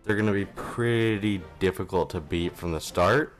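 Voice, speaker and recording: A man's voice: deep voice, normal speed, faint music behind. A young man giving casual, rambling let's play commentary at home, offhand and self-deprecating, on a modest mic. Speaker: gaming channel host.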